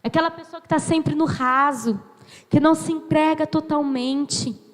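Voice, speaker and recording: High-voiced woman preaching in a big echoey hall. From Brazil. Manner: slow emphatic preaching, acts out quoted dialogue. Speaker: pastor. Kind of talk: sermon. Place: church sanctuary. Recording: long church hall reverb.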